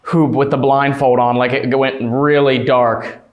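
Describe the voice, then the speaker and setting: A man's voice: mid-range voice, flat delivery, lo-fi sound. A man on a ghost hunt, uneasily describing the voices and presences he notices. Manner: slow, uneasy remarks on what he hears. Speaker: paranormal investigator. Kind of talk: reacting during a ghost hunt.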